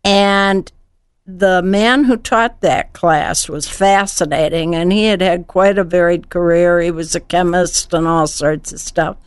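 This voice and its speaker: A woman's voice: lowish voice, fairly even intonation, a little slow, smooth, dry recording. An older woman answering questions conversationally as a guest on a radio show. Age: older, over 55.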